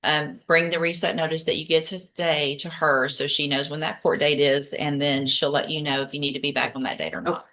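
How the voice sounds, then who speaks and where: A woman judge with a low-pitched voice presides over a courtroom. She speaks in a formal, procedural way, with a brisk, direct and commanding manner. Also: little pitch movement, a bit bright, a little hiss or hum.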